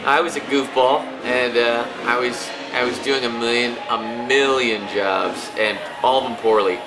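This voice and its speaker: A man's voice: mid-range voice, steady tone, normal speed, reverberant, background noise. A man who works as a comedian, chatting casually in an interview about his career. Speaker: comedian guest.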